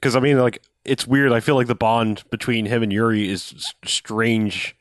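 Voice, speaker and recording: A man's voice: mid-range voice, steady tone, moderate pace, dry recording, studio quality. A young man chatting casually and enthusiastically about a video game, rambling with restarts and the odd swear. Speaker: podcast co-host.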